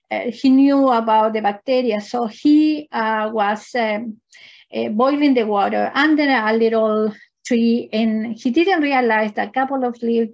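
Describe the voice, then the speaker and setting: Slow woman, gravelly. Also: on the high side, lo-fi sound. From Chile. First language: Spanish. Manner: halting, non-native phrasing with many fillers. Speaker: artist. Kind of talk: virtual gallery talk.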